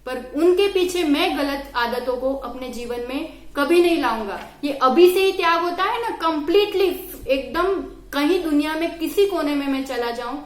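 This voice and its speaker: A woman with a high voice lectures young people on right living. She is earnest and firm and drops English phrases into her speech. The sound is roomy and echoey. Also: animated, moderate pace, few pauses. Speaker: religious teacher at a study camp.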